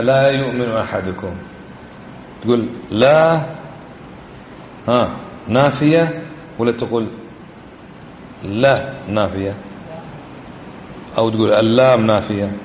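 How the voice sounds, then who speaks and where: A man giving a religious lesson, explaining grammar and quizzing his listeners with repeated questions. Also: fairly low pitch. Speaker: religious teacher. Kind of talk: classroom lesson on hadith and grammar. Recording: echoey hall, dull lo-fi, faint hiss.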